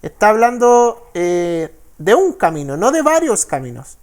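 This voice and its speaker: A man with a Chilean Spanish accent, a pastor teaching the Bible in a sermon. He reads verses slowly and keeps checking with listeners. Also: high voice, very animated, a little mellow. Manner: frequent tag questions, slow deliberate verse reading.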